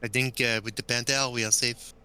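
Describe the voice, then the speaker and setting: A man's voice: medium pitch, level tone, a little fast, bright, forceful tone, clear, resonant tone. A man playing a tabletop game, talking in a hesitant drawl with frequent fillers. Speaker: player. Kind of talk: casual tabletop game chat.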